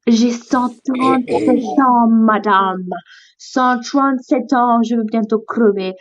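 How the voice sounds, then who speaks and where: A woman's voice: on the high side, a little slow. A woman playing a pompous 137-year-old tortoise. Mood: outraged, pompous. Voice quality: huffy and pompous, keeps demanding respect. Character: ancient indignant female tortoise, 137 years old. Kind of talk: toy role-play on a livestream.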